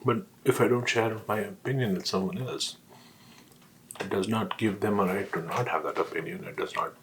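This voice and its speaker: A man's voice: fairly low pitch, moderate pace, slight background noise, poor audio. A man on a casual solo rant, talking while eating with his mouth sometimes full, often asking questions and answering them himself. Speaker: vlogger.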